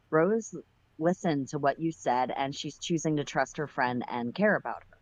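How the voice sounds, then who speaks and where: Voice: mid-range voice, no echo, dull audio. A livestream host reading a fan-written story aloud in a casual narrating manner with asides. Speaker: story reader.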